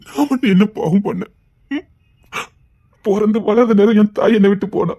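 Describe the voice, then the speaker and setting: A man's voice: sits high, normal speed, dark tone. An actor playing a grieving widowed father who is lonely and full of guilt, tearful and lamenting in a brokenly spoken TV serial scene. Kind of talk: TV serial acting.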